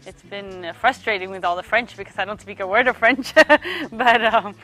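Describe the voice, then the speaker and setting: A young woman from Sweden, a youth worker giving reflective interview answers, pausing often to find her words. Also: mid-range voice, bright, forceful tone. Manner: thoughtful, pauses often to search for words.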